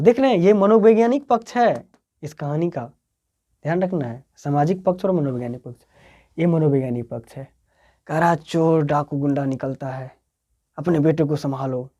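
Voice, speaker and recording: Explaining a story to students preparing for board exams, a Bihari-accented male teacher performs the quoted dialogue aloud. His fairly high voice rises and drops in volume as he goes.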